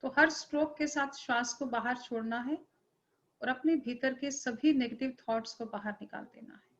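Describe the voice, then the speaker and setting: A woman meditation teacher giving calm, gentle guided meditation instructions. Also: high voice, normal speed. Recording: muffled lo-fi recording.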